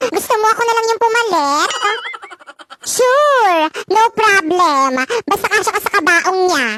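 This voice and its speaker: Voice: very high-pitched, expressive, fast, background noise. A voice performing playful comedic cartoon skits, switching between all the characters. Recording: music playing clearly behind the voice.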